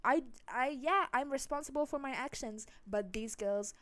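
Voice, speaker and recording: A woman's voice: normal speed, no room sound. A young woman telling a storytime vlog casually, rambling with lots of fillers, restarts and swearing, and her voice swings up and down dramatically. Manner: dramatic swings in loudness and pitch. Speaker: vlogger.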